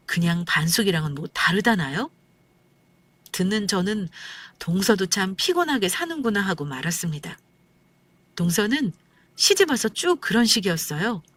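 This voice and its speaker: Woman reading out a life story, mid-pitched, dry close sound, calm and even. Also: no echo. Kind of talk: scripted first-person story narration.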